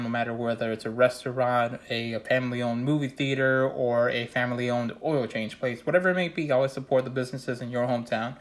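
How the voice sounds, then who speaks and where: On his card collecting channel, a man casually shows off the trading cards he has pulled, his mid-range voice slightly stuffy and nasal from congestion. He stays level and even with little variation in pitch, speaking earnestly and steadily, repeating his opinions, leaning on many fillers and restarting sentences.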